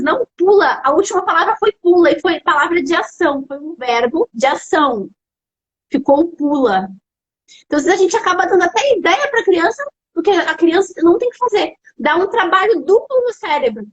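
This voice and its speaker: High-voiced Brazilian woman giving parenting advice. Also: muffled recording. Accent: Brazilian Portuguese. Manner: animated and explanatory, addresses viewers directly. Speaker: educational psychologist hosting a parenting live stream. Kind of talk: casual live-stream advice talk.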